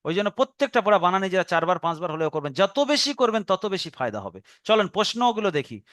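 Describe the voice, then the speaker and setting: Clear high-voiced Bengali teacher, patient. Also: male voice, big pitch swings, a bit bright, dry recording, clean studio sound. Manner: patient step-by-step explaining, slow drawn-out recitation of example words. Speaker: Quran reading teacher. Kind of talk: recorded online lesson.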